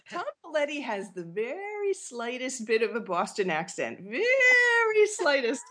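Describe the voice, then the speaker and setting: A woman's voice: fairly high pitch, big pitch swings, unhurried. A woman author chatting casually, full of fillers, restarts and bubbly laughter. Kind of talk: casual conversation.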